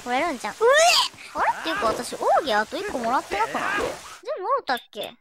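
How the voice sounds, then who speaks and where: A woman game streamer with a Kansai Japanese accent commentates in a high-pitched, very animated voice at a quick pace. She's chatty and teasing, talking to the on-screen characters over loud game music in a very noisy recording.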